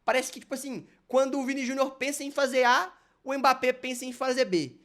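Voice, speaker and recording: A man's voice: very high-pitched, steady tone, fairly quick, a bit bright. A Brazilian man reacting live to a video, talking casually in a rambling, slang-heavy way. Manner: slangy, rambling, loaded with fillers like "mano" and "velho".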